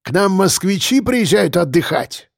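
A man's voice: high voice, very animated, unhurried, creaky, no room sound, studio quality, voice pushed up, full character voice. A man voicing a cheerful, talkative middle-aged cafe owner with a light Caucasus accent in an audiobook. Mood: friendly, hospitable. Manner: warm, chatty, unflappable, calls people dear. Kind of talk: audiobook character voice.

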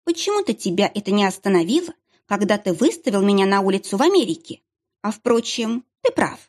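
A woman voicing a sharp-tongued, mocking young heroine with biting, sarcastic retorts. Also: medium pitch, very animated, brisk.

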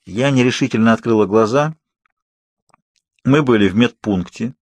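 Male audiobook reader, mid pitch, measured, very dry booth. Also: dry recording. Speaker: audiobook narrator. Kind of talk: audiobook narration.

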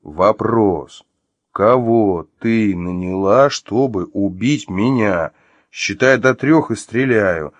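A man's voice: lowish voice, normal speed, no echo, lo-fi sound, close to an everyday voice. A man voicing an angry man who interrogates his ex-wife at gunpoint, growling and barking his questions in an audiobook. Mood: menacing.

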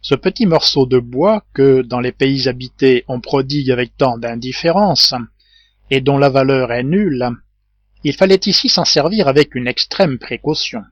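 A man narrating a classic novel as an audiobook reader, in a measured literary way. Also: mid-range voice, no room sound, lo-fi sound. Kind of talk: scripted narration.

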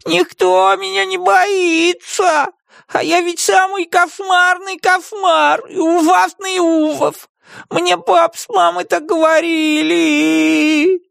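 A man voicing a small, boastful male wolf cub who shouts and sobs with a gravelly voice. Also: very high voice, takes it slowly, dry recording, studio quality, voice pushed up, full character voice. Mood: sobbing. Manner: shouting, then sobbing.

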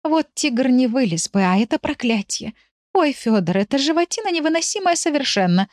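A woman doing a flustered, chatty village lady who complains in a lively, swooping voice. She is heard in a dry, close recording with no room sound. It is an audiobook character voice. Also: high-pitched, normal speed, no echo, voice pushed up. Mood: exasperated. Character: talkative flustered village woman, pet owner.

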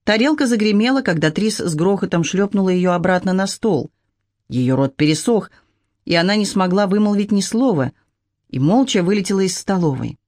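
A narrator reading a novel aloud in an even, measured storytelling manner. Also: medium pitch, no echo, clean studio sound. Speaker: audiobook narrator. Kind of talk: scripted audiobook narration.

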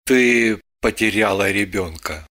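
Woman doing a glum reserved man, low subdued voice, terse, evasive answers. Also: takes it slowly, fairly bright tone, full character voice. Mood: somber. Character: gloomy, reserved man at a hospital bedside.

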